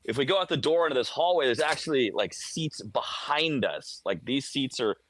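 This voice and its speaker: A man's voice: medium pitch, lively intonation, moderate pace, fairly bright tone, dry recording. A man talking casually as a hockey radio announcer, explaining things conversationally in a live game-day report. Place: high broadcast booth inside a hockey arena.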